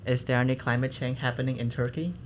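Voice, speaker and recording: A woman with a Cambodian accent asks short, encouraging questions. Her voice is extremely low. A faint rumble hangs behind it. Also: fairly even intonation, fast. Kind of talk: student discussion role-play.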